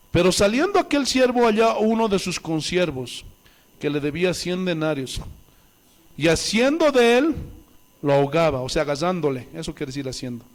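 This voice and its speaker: Pastor guy preaching, lots of rhetorical questions, reads bible passages out, voice jumps all over. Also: high voice. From Bolivia. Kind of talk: sermon.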